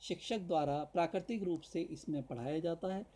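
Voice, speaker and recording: Male lecturer, mellow and slightly husky, explains patiently and reads out notes deliberately. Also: fairly high pitch, poor audio. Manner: explains in Hindi, reads English points slowly; addresses viewers directly with tag questions. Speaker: teacher. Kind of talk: teacher-training lecture.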